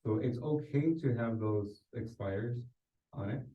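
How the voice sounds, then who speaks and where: This real estate sales coach's voice is mid-range, a little slow, and dark in tone. Recounting anecdotes in a group coaching discussion, he talks conversationally, often starting sentences over and checking for agreement, and the audio is distant, echoey, and thin like a phone call.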